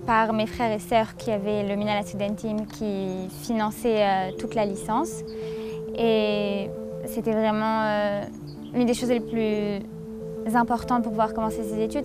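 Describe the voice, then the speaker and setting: A woman in her twenties from Paris, a university student giving an earnest testimonial in a halting way, with many pauses and fillers. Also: medium pitch. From France, Paris. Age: 20s. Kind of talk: testimonial interview. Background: plucked guitar music.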